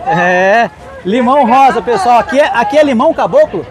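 Amid street crowd chatter and traffic at an outdoor market, a Brazilian vlogger walks along offering his viewers enthusiastic, casual commentary directly. His voice is very high-pitched with lively intonation, and his pace is moderate.

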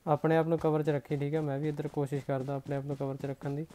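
A man's voice: a little high, completely flat delivery, quick pace, dark tone. A man with a Punjabi accent chatting casually with his squad during a game, calling out in slangy, sweary language. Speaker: gamer playing a team shooter. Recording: noisy game audio with gunfire and engines. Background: gunfire, vehicle sounds.

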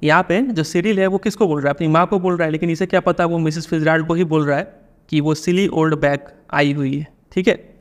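A man's voice: on the high side, steady tone, brisk. A man teaching a literature lesson, with an Indian accent in English, often stopping to ask whether the students follow. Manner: keeps checking understanding with questions.

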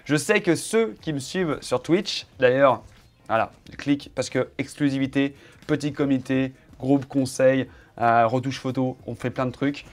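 A man's voice: mid-range voice, a little slow. A man in his home office chatting casually to camera, showing off his setup and teasing his cameraman in a playful, joking way.

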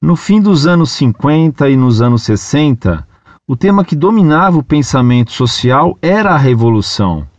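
A man reads a listener's letter aloud, steady and deliberate, letting each phrase fall at its end. His pitch moves widely through the sentences. The recording is dry and a little muffled. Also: dry recording. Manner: measured, deliberate reading with falling phrase ends.

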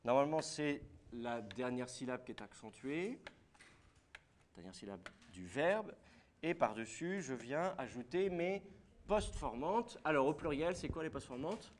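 Guy lecturing a class, mid pitch, asks the students stuff, faint hiss behind. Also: lively intonation, unhurried. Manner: explains step by step, asks the class questions. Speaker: teacher.

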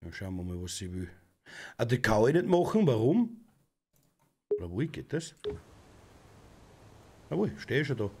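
A young man with an Austrian accent commenting on a driving game from his home setup, who often shouts and swears at other drivers. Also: mid-range voice, big pitch swings, measured pace, long pauses, breathy edge. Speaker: gaming streamer. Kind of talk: let's play commentary. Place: home gaming room. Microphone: desk mic with headset.

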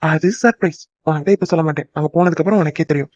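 A man's voice: a little high, steady tone, racing, a little mellow, dry recording, muffled recording, natural voice. A young man voicing a teasing, devoted boyfriend in a cartoon, coaxing and joking. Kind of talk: cartoon voice acting.

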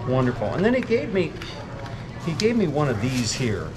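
A man's voice: mid-range voice, sing-song, moderate pace, crowd noise. A man hosting a casual walk-and-talk video outdoors, chatting playfully and rambling as he shows off his gear. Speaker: host. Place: outdoors by a creek. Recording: loud outdoor noise.

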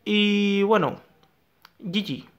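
A young man giving excitable live gameplay commentary, talking to himself and his viewers and repeating his phrases. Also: high-pitched, drawn-out words, dull audio. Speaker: gaming YouTuber.

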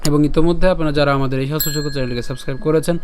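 A man teaching verse pronunciation over slides, patiently repeating each word and syllable slowly and now and then chanting the lines to a melody. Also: a little high, fairly even intonation, darkish tone, a little hiss or hum. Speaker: scripture recitation teacher. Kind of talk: slide-based pronunciation lesson.

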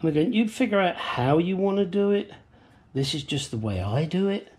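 A man's voice: sits high, sing-song, moderate pace, darkish tone. A middle-aged man with an English accent giving a casual hands-on demonstration, blunt, joking and sweary, in a small garage workshop. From England. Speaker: host of a garage how-to channel. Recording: clear ambient workshop noise.

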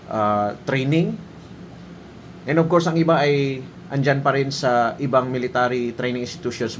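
A man's voice: mid-range voice, a little hiss or hum. A Filipino man giving opinion commentary in an emphatic, scolding manner, often posing rhetorical questions like a training officer.

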